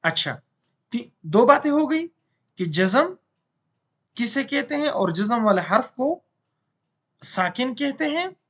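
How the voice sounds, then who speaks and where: Slow, bright-voiced male reading teacher. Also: extremely high pitch, big pitch swings, slightly rough. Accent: Urdu. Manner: slow, patient drilling of syllables, asks if it is understood. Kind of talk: recorded lesson for beginners.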